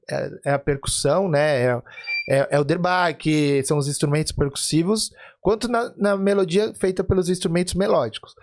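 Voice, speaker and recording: A man's voice: a little high, a little mellow. A man hosting a podcast, chatting casually with his guest and often trailing off to restart his thoughts. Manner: thinks aloud, many restarts and "né?" checks. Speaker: podcast host. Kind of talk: casual interview chat.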